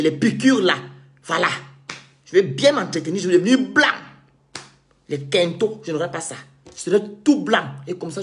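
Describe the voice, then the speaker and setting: A man from Cameroon, delivering an indignant, sarcastic monologue rant as a vlogger. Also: sits high.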